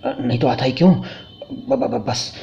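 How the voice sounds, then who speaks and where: A man voicing a frightened young husband who stammers and talks in a panicky hush, in a dull lo-fi recording. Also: medium pitch, animated, moderate pace, faint music behind, natural voice. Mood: terrified hush.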